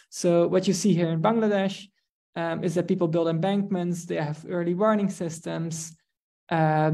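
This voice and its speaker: Gravelly-voiced man presenting. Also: high voice, a little mellow. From Netherlands. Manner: measured, with frequent ums and restarts. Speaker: guest presenter, researcher. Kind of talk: online presentation. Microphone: video call.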